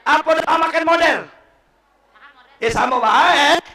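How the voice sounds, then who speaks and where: A man preaching at a mosque to school students with a Palembang accent, animated and quizzing his listeners, correcting their recitation. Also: extremely high pitch, slow pace. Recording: echoey room, voice from far off.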